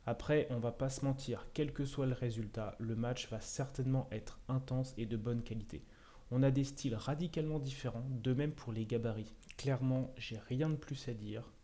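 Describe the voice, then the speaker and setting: A man's voice: medium pitch, moderate pace, mellow. A man hosting a scripted wrestling prediction video, making opinionated, sardonic asides.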